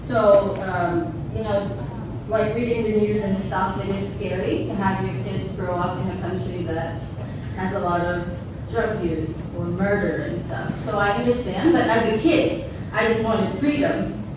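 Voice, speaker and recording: Twenties woman, casual church testimony; boomy hall, mic a fair way off. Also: a little slow. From born in Indonesia, raised in the United States. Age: 20s. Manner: conversational, relaxed, light humor. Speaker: church member giving a testimony. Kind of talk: personal testimony talk. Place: church sanctuary. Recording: very echoey room, far mic, background noise.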